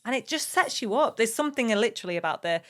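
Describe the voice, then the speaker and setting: A woman's voice: fairly high pitch, expressive, fairly bright tone. Enthusiastic woman podcast host. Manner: enthusiastic, quick to agree and laugh. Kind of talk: casual podcast chat.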